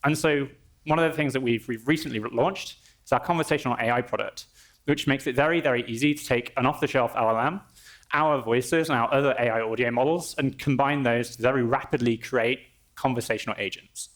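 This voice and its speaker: A man presents a software demo at a conference. He explains things in a relaxed, conversational way and often doubles back to restart a phrase. His voice sits at an ordinary, mid-range pitch. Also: brisk. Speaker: engineer presenting a product demo. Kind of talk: live tech demo presentation. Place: conference stage.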